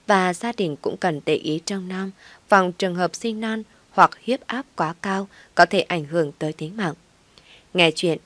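Lady reading a sad family story, lowish voice, close and dry. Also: no room sound. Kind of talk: scripted audio-story narration.

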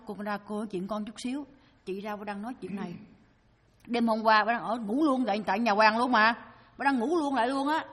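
A woman's voice: on the high side, slightly rough, big-room sound. A woman with a Southern Vietnamese accent giving a storytelling dharma talk. She acts out the people in her stories as she tells them. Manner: lively storyteller, acting out the people she quotes. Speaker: Buddhist dharma speaker.

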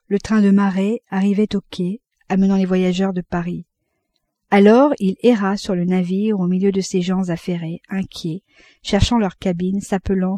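A woman reading a classic novel aloud as audiobook narration, in a measured, unhurried manner. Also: mid-range voice, dark tone, dry recording. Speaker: audiobook reader.

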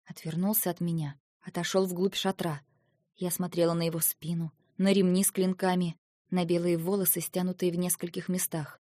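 A woman narrating a first-person audiobook in a steady, expressive storytelling manner. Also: on the low side, moderate pace, no room sound, studio quality.

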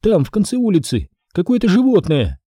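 A man reading an audiobook and voicing a shaken, fussy young woman in a shrill, flustered voice. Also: wildly swooping pitch, fairly quick, mellow, slightly rough, dry recording. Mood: scared.

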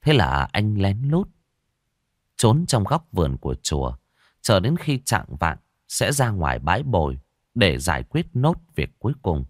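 Deep-voiced man telling a horror story. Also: very animated, unhurried, no echo, clean studio sound. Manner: dramatic, suspenseful storytelling. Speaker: narrator. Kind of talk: scripted horror story narration.

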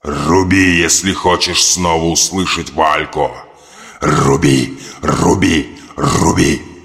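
A man voicing a sinister evil swamp spirit speaking from a mirror, with a slow, commanding, urging manner and a long echo. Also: a bass voice, fairly even intonation, gravelly, fairly bright tone, voice pushed down, heavily acted. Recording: long hall reverb, distant.

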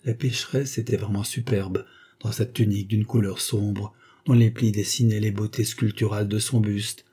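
Man reading a novel aloud, low dark husky voice, measured and dramatic. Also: fairly even intonation. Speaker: audiobook narrator. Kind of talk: scripted narration of a novel.

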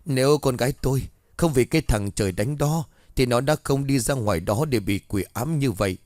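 A grieving village mother pours out a lament, as a male narrator reads her in his own voice. The voice sits at a middle pitch and sounds dry and close. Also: expressive, fairly quick, a little mellow, no echo, close to an everyday voice.

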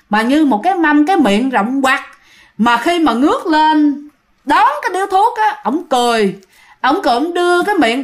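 Chatty woman telling ghost stories, high voice that bounces around. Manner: chatty, addresses listeners often. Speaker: ghost story narrator. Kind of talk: storytelling to listeners.

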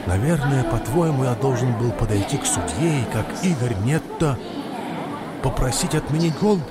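A man's voice: mid-range voice, animated, normal speed, lightly acted. An actor playing a thoughtful footballer who talks familiarly to his coach in a drama. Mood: questioning. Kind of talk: film drama dialogue. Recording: loud music and crowd behind.

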